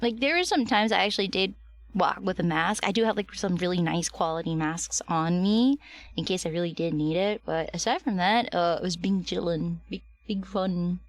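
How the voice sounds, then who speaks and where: A woman's voice: fairly low pitch, moderate pace. A woman livestreamer chatting casually and affectionately with her viewers, her voice slightly strained and recovering.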